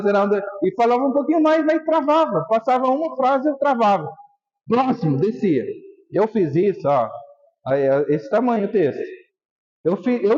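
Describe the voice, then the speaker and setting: A man's voice: sits high, a little mellow, in a large hall. A man giving an emotional motivational talk on stage, telling his story and acting out remembered scenes. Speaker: motivational speaker. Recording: dull lo-fi live stage recording.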